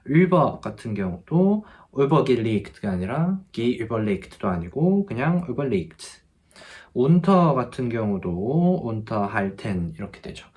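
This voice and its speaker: A man's voice: medium pitch, sing-song, a little mellow. Patient male language teacher. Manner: explains patiently, drills verb forms by repeating them slowly. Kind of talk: online grammar lesson.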